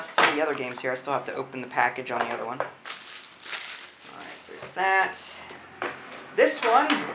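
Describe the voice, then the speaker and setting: Sitting indoors at a wooden table, the host of a board game unboxing channel chats casually and thinks aloud as he handles the items. His voice is on the high side, with some background noise.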